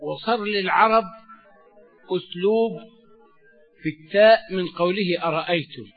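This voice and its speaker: A man giving a religious lesson, measured and explanatory, often repeating key words. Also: sits high. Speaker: Quran teacher. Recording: dull lo-fi recording with faint music.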